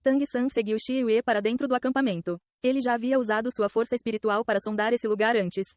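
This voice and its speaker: A woman with a Brazilian Portuguese accent narrating a novel in a steady, even reading. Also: fairly high pitch, fast, dry recording. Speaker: audiobook narrator.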